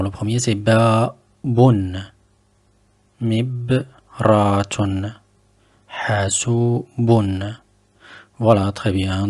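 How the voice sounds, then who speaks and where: Patient low gravelly-voiced man teaching. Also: a little mellow. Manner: patient, slow, repeats words to drill them. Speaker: Arabic teacher. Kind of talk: French-language lesson teaching Arabic letters.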